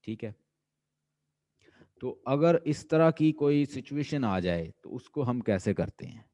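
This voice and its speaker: A man's voice: medium pitch, animated, slow, mellow, no echo. A man with a Pakistani accent lecturing as a linguistics teacher, who keeps quizzing his students with repeated questions. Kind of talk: classroom lecture mixing Urdu and English.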